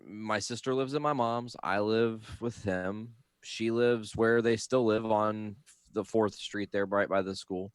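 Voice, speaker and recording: A man's voice: on the low side, a little slow, clear, resonant tone, no echo, studio quality. A man co-hosting a podcast who tells a childhood story casually, swearing now and then. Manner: relaxed, swears casually, acts out quotes. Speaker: podcast co-host, parent.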